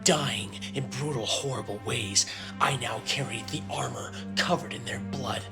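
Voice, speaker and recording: A man playing a brooding, edgy dark angel hero who delivers a grandiose, breathy monologue. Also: mid-range voice, normal speed, music in the background, voice pushed down, lightly acted. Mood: grim, brooding.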